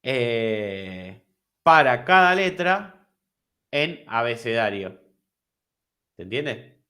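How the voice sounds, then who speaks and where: A man's voice: mid-range voice, big pitch swings, drawn-out words, bright, forceful tone. A man with an Argentine Spanish accent teaching an online programming class, explaining step by step and checking if his students follow. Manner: explanatory, repeats and restarts, asks if understood.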